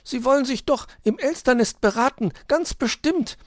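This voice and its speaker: A man voicing an eager little male hedgehog who plays detective in a storybook, insistent and excited. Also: very high voice, moderate pace, no echo, clean studio sound, pitched above the performer's own voice. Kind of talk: storybook read-aloud.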